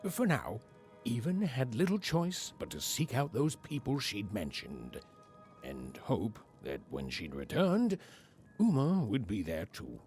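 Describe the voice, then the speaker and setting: An actor playing an arch, measured storybook narrator in a video game. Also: male voice, medium pitch, huge pitch swings, a little mellow, soft background music. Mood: wry, ominous. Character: wry, theatrical storybook narrator.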